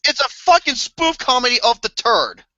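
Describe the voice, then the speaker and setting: Lively, crude-talking man on a podcast. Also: very high voice, moderate pace, slight background noise. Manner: crude, swears a lot, laughs often. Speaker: podcast co-host. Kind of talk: casual chat. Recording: muffled lo-fi podcast audio.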